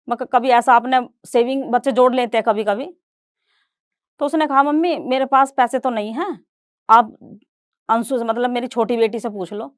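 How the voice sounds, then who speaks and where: A woman's voice: on the high side, no room sound, studio quality. A middle-aged woman giving a stage talk, retelling her family story and voicing relatives in quoted dialogue. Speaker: guest speaker.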